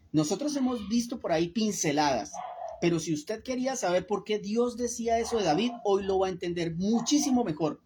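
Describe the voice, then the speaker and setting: A woman's voice: on the low side, darkish tone, slight background noise. A woman giving an earnest Bible study sermon, speaking to her listeners as brothers and asking them rhetorical questions. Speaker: Bible teacher.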